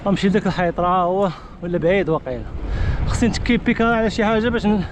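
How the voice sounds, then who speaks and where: Fast high-voiced Moroccan man, noisy outdoor recording. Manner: offhand running commentary in short bursts. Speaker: travel vlogger on a bicycle trip. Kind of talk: casual outdoor vlog narration. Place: outdoors on a desert track and road. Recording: noisy outdoor sound with vehicle-like rumble.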